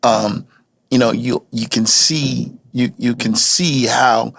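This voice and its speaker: A man with a gravelly, fry-tinged voice chatting on a podcast. He talks earnestly but haltingly, repeating words as he finds his way. His pitch sits in the ordinary middle. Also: steady tone, a bit bright. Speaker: podcast co-host. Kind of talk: casual podcast chat.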